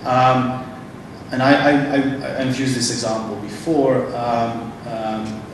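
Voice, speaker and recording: A man speaking on a conference panel, halting and restarting often as he thinks aloud. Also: medium pitch, level tone. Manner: halting, many restarts and fillers. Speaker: panel speaker from a refugee agency. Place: large conference hall. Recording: echoey hall, distant mic, noisy.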